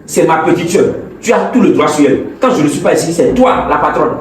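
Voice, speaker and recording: A man's voice: a little high, lively intonation, a little fast, natural voice. A man playing a stern older brother who lectures and scolds, often stammering over words. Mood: lecturing angrily. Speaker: actor in a web skit. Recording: echoey room, far from the mic.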